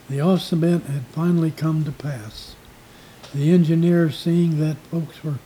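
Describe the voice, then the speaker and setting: A man narrating local history as a scripted story in a measured, storytelling way. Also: a little high, mellow, a little hiss or hum, rough recording.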